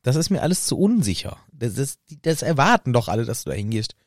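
A worried, honest teenage girl, as a man reads her in his own voice. She talks hesitantly, tripping over repeated words, with lively rises and falls. The recording is dry and close. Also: medium pitch, quick pace, no echo.

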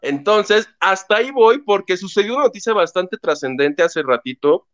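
Animated high-voiced man. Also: normal speed, dull audio. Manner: animated storytelling, acting out quotes. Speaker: host. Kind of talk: casual gossip chat.

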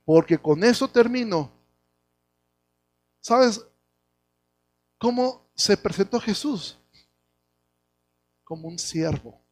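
Mexican pastor guy preaching, fairly high voice, chatty then gets loud and pushy with the crowd. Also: lively intonation, slow pace, pauses often. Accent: Mexican Spanish. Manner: conversational preaching, addresses listeners directly, rising to loud exhortation. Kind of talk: sermon.

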